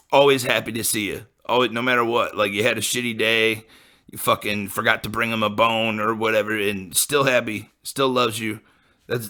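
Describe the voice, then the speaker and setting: This podcast host is a man in his late twenties from the American Midwest, and his pitch is on the low side with a sharp quality. He rambles casually, swears freely and fills his talk with likes and you-knows.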